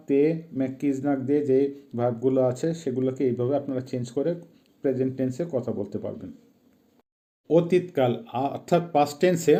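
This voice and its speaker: A man's voice: medium pitch, dark tone. A man giving a step-by-step language lesson over a screen, saying each word and then repeating it for the learner. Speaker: language teacher.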